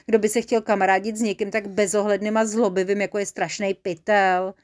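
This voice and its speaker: A woman voicing an excitable little male creature in a children's storybook. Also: medium pitch, lightly acted. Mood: excited.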